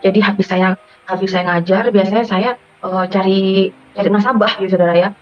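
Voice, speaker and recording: A middle-aged woman from Madura, Indonesia, with a Madurese accent gives an emotional personal testimony, repeatedly addressing her listeners as "Saudara." Her mid-range voice holds a steady tone at a fairly quick pace, and the dull lo-fi audio carries faint music.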